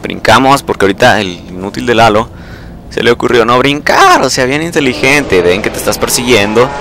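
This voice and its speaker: Excitable young gamer. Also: male voice, medium pitch, fairly quick, slight background noise. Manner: excitable, swears and repeats words in bursts. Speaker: gameplay commentator. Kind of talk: casual live gameplay commentary.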